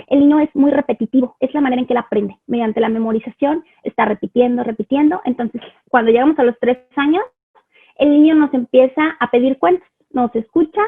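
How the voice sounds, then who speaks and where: A woman's voice: high voice, creaky. A woman with a Mexican Spanish accent teaching parents about children's language in a chatty live online talk, often checking in with rhetorical questions. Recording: phone-like, lo-fi online stream audio.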